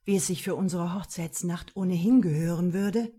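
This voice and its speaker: Audiobook: female narrator voices a commanding, taunting man in a low, hard tone. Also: normal speed, mellow, breathy edge. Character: domineering, commanding man, a husband.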